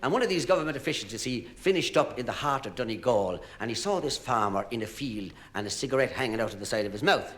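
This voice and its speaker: Irish man, stand-up comic, bright voice, bouncy up-and-down delivery, roomy echo. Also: medium pitch, lively intonation, fast talker, few pauses. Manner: chuckles at his own jokes. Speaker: comedian. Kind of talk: stand-up joke telling. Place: live show before an audience. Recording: roomy live-room echo.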